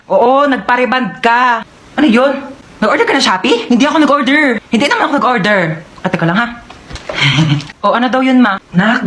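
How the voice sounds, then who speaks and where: A woman's voice: on the high side, fairly bright tone, slight background noise. A woman narrating and acting out comedic storytime skits in a playful, teasing way, with music playing behind.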